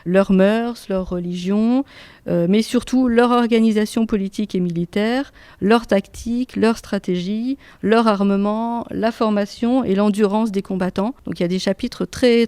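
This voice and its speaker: Woman researcher, warm low-key tone, measured explanation, dry close sound. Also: dry recording. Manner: careful, hesitant, many fillers. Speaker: researcher guest. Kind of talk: explaining history in an interview. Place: research institute room.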